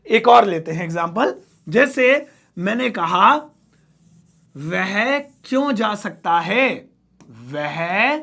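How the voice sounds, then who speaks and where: A man teaching a spoken English lesson, writing on a board as he goes and repeating each word slowly, spelling some of them out. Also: extremely high pitch, vocal fry, fairly bright tone.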